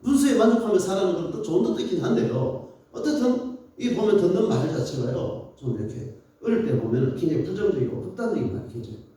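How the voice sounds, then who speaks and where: Male pastor, sermon, very animated pitch, playful storytelling, roomy echoey hall. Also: quick pace. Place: church. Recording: echoey church hall, mic at a distance.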